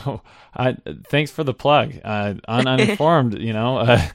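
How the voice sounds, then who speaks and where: A man's voice: mid-range voice, measured pace, dry recording, clean studio sound. A young man hosting a podcast, asking questions in a hesitant way and laughing easily. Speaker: podcast host. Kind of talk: casual interview talk.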